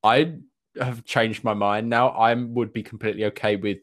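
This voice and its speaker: A man co-hosting a fan podcast, relaxed and wry, often teasing his co-host. His voice sits a bit low, and he speaks in easy conversational turns. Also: normal speed. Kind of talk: casual fan podcast chat.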